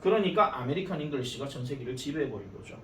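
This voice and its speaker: A man teaching an English grammar lesson at a cram school. He talks casually and jokes, and reads the English lines out slowly. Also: medium pitch, animated, a bit bright, a little hiss or hum. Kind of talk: classroom grammar lecture. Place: classroom. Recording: echoey classroom from far off.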